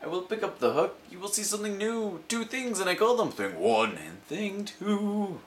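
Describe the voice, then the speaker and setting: Male reader as carefree showman cat, children's storybook. Playful, boastful, animated, raised pitch. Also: moderate pace, a little hiss or hum. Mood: showy. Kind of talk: children's storybook character reading.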